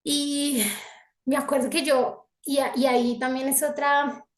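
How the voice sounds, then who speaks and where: A Colombian woman with a high voice tells her story in an echoing room, reflective and heartfelt, often circling back to restart a thought. It sounds like a personal testimony shared with a gathering. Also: little pitch movement, a little slow. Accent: Colombian Spanish. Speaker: devotee sharing testimony.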